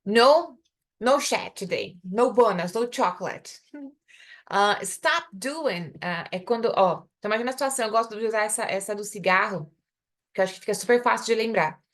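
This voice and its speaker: Brazilian woman teaching english online, chatty explaining, says english examples slow and clear, mid voice. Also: mid-range voice, animated, fairly bright tone. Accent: Brazilian Portuguese. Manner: explains in Portuguese, drilling English example phrases slowly. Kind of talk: live online English lesson.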